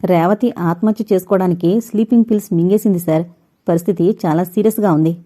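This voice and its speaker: A woman voicing an office manager who delivers bad news in a choked, halting way. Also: fairly low pitch, warm tone, lightly acted. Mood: grieving.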